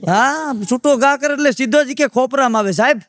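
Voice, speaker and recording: A man acting out a courtroom joke in animated dialogue. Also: extremely high pitch, a little fast, a little hiss or hum. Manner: animated dialogue-style storytelling. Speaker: stand-up comedian. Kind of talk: Gujarati joke telling.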